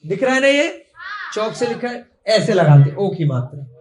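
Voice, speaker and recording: A man's voice: high-pitched, big pitch swings, normal speed, echoey room. A young man teaching a classroom lesson, patiently asking the class questions.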